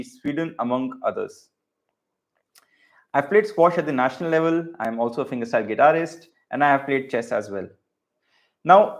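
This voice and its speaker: A man from India with a polished, educated Indian accent, teaching in an informal lecture style and often checking in with "right?". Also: fairly high pitch. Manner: explanatory, checks in with frequent "right?". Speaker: data science teacher.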